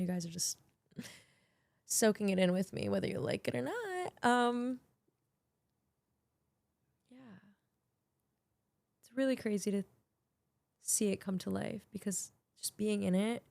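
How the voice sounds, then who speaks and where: A young woman hosts her podcast alone, speaking in a casual, heartfelt ramble. Her voice has a gravelly, fry-laden edge and stays mid-pitched for a woman. The sound is close and dry, with no room echo. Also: fairly even intonation, moderate pace, long pauses, darkish tone. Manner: chatty, emotional, many filler likes. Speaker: podcast host. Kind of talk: casual reflective monologue. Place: small podcast studio.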